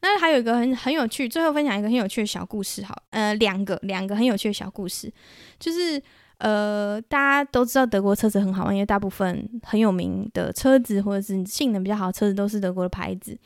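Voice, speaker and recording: A woman with a Taiwanese Mandarin accent hosts a solo podcast, telling stories in an animated, chatty way. She often restarts her sentences. Her voice sits at a middle pitch, recorded close and dry with no room sound. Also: fast, dry recording. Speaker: podcast host.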